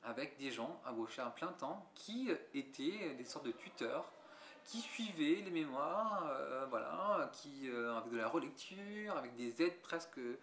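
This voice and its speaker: This young man, a visual artist, is interviewed in a museum gallery whose room gives off a noticeable echo. He speaks unhurriedly in a mid-range, slightly bright, expressive voice, thinking through his answers with frequent fillers and false starts, while slight noise sits in the background.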